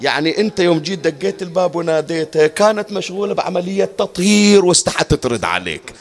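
A man's voice: sits high, lively intonation, quick pace. A man preaching a sermon, asking rhetorical questions and breaking into a chant on some phrases.

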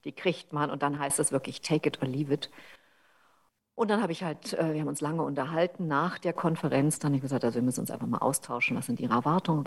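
A woman's voice: deep voice, gravelly, a little mellow, husky. A middle-aged woman from Berlin, speaking as an interview guest, telling her career story fluently and articulately. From Berlin, Germany. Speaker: interview guest, coach and author. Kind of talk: conversational interview.

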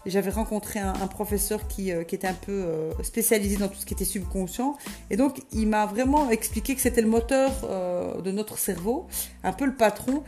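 A woman's voice: medium pitch, fairly quick, dark tone. A woman coach telling a teaching story in a chatty way with many hesitations, with faint music behind. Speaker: language coach. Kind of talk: storytelling lesson.

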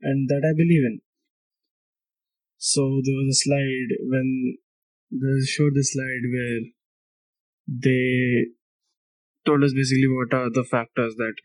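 A man's voice: medium pitch, a little mellow, dry recording, poor audio. A young man from India hosting a solo podcast, rambling and self-mocking, laughing often and swearing casually. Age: young adult. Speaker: podcast host.

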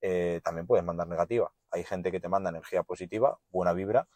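A man's voice: deep voice, fast talker, dry recording. Blunt, profane man ranting. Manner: blunt, profane, animated storytelling. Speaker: podcast host. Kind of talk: casual monologue.

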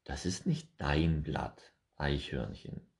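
A man voicing a calm, patient blue tit who soothes a friend in a children's storybook. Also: a bass voice, slow, gravelly, full character voice. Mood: soothing.

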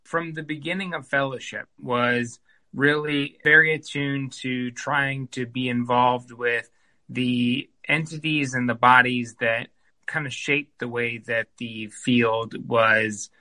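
A man answering interview questions as a guest physician, measured and thoughtful. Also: mid-range voice, fairly even intonation, pushed and bright. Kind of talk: conversational interview.

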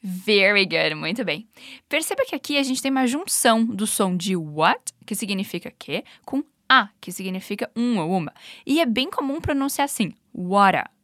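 A woman's voice: mid-range voice, big pitch swings, moderate pace, a bit bright, no room sound, studio quality. Upbeat Brazilian woman teaching English. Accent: Brazilian Portuguese. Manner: upbeat, encouraging, clear. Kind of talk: language lesson with repetition drills.

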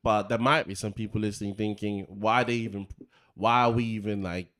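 A man's voice: on the low side, fairly even intonation, a little fast, a bit bright. A man co-hosting a casual faith discussion podcast, posing probing questions with frequent restarts. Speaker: podcast co-host.

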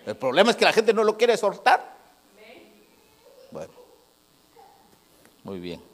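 Preacher, male, animated pitch, shifts from loud preaching to hushed anecdotes, plays out the dialogue himself. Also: slow pace. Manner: swings from loud preaching to low, quiet storytelling; acts out dialogue. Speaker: pastor. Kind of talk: sermon. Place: church sanctuary.

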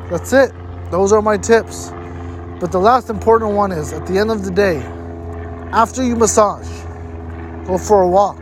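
Speaking emphatically and repeating points for stress, a man hosts a motivational talk to camera full of health tips. His voice is high-pitched, and there is a little hiss or hum.

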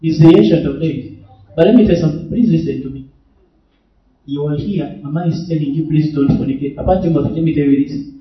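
Animated high-voiced preacher man. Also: fast, highs cut off. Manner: animated, exhorting, laughs often, addresses the crowd directly. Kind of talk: preaching in a retreat Q&A. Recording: echoey hall, mic far off.

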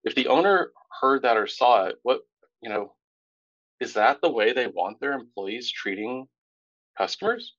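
A man from Tampa co-hosting a podcast, telling a story in an animated, casual way that climbs in pitch when indignant. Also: a little slow, dry recording, lo-fi sound. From Tampa, Florida. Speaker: podcast co-host.

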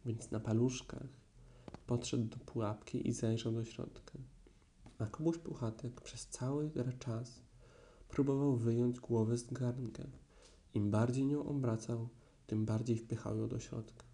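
A male narrator reading a children's story aloud. His voice is mellow and warm, and his delivery is gentle and expressive. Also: medium pitch, unhurried. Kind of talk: audiobook storytelling.

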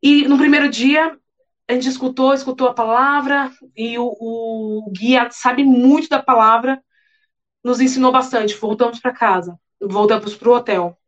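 A young woman with a high, bright voice tells an emotional testimony from the pulpit, earnest and animated, repeating phrases for weight. The recording is dull and lo-fi. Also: a little slow. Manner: animated, earnest storytelling with repetitions. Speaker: preacher giving a testimony. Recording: dull lo-fi sound.

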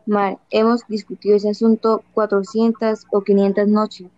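A worn-out husband in his fifties, dodging and flat-voiced, as a woman reads him. Her tone is smooth and even, and the dry, dull audio has faint music behind it. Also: mid-range voice, normal speed, no echo, close to an everyday voice. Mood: weary. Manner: tired, flat, dodging answers. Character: weary evasive husband of fifty-six, man. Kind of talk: audiobook dialogue reading.

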